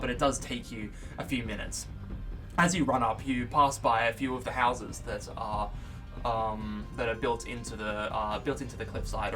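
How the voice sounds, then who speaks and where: A man's voice: mid-range voice, bright, forceful tone. A man narrating a tabletop game as game master, rambling loosely with frequent restarts. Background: background music.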